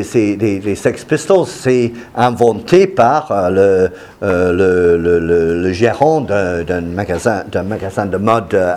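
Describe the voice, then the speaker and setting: A man explaining song lyrics and punk culture in a halting way, full of fillers and restarts. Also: lowish voice. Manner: hesitant, many fillers and restarts. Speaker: lecturer on punk music. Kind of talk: explanatory talk.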